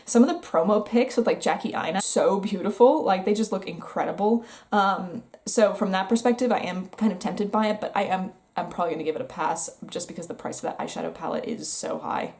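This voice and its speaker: A woman's voice: medium pitch, lively intonation, brisk, few pauses, darkish tone. A young American woman chatting casually and candidly about new makeup releases, with wry asides. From United States. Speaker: beauty vlogger. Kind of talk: casual makeup review chat.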